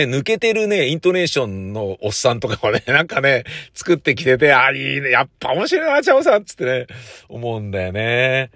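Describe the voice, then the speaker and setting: A radio show host and producer chats casually on his own, rambling conversationally and often ending sentences with "ne" tags. His medium-pitched voice is a bit bright, recorded with clean studio sound and no room sound.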